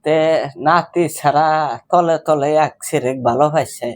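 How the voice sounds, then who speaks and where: Here a prank caller, a man, plays an old village grandmother anxiously fretting over her grandson, pleading and rambling in a plaintive manner. His fairly high voice moves at a measured pace and sounds close to his everyday speech.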